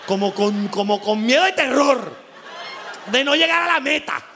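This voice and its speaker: High gravelly Venezuelan comedian, crude. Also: male voice, normal speed, a faint crowd, a little hiss or hum. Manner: animated, crude, laughs often, acts out voices. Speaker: stand-up comedian. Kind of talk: stand-up comedy monologue. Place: live show venue.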